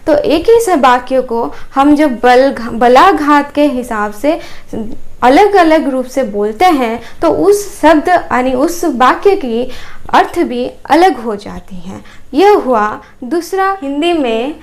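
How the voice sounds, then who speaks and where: A woman's voice: high-pitched, expressive, slow pace. A woman teacher with an Odia accent, whose first language is Odia, explaining grammar with examples and fillers. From Odisha, India. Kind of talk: grammar lesson.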